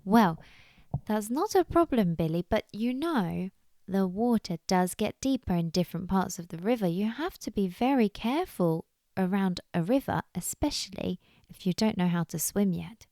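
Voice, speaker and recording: A woman voicing a gentle little female water vole. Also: medium pitch, expressive, normal speed, no room sound, studio quality, natural voice. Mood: kind, patient. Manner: gentle, patient and encouraging.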